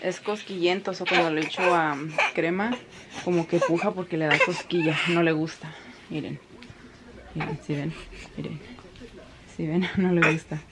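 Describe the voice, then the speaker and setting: A woman's voice: lowish voice, fairly even intonation, moderate pace, pauses often, very noisy. A woman with a Mexican accent chatting casually in a rambling way as a vlogger at home. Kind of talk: casual chat.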